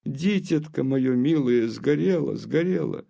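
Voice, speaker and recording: A man voicing a frantic, weeping middle-aged townswoman who pleads in rapid bursts between sobs, as in a storybook reading. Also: medium pitch, lively intonation, creaky, mellow, exaggerated voice. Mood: pleading.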